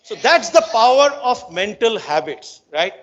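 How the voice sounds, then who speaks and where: Male coach, Indian accent, high voice. Emphatic, instructive lecture delivery with repeated phrasing and check-in questions. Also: sing-song, a little slow, lo-fi sound. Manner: emphatic repetition, frequent rhetorical check-in questions. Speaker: brain-based coach giving a talk to students. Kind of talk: motivational educational lecture with storytelling.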